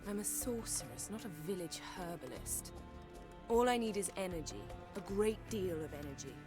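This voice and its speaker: Haughty sorceress, cool and commanding, dry sarcasm, actress doing a slightly low, even game voice over a swelling score. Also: female voice, normal speed, close to an everyday voice. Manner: cool, imperious and dryly sarcastic. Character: haughty, sardonic adult sorceress. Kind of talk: video game voice acting. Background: game music.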